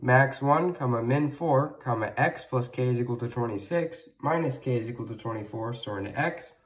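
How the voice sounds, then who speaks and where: A man's voice: medium pitch, normal speed. A man giving an instructional tutorial, dictating program code symbol by symbol in short, separate pieces. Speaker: presenter of a calculator programming tutorial. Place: indoors at a wooden table, off camera. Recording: distant from the mic.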